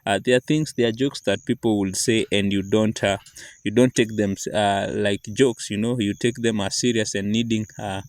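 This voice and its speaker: A man commenting on video clips, speaking haltingly with many filler words. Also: fairly low pitch, fairly even intonation, dry recording. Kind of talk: reaction commentary.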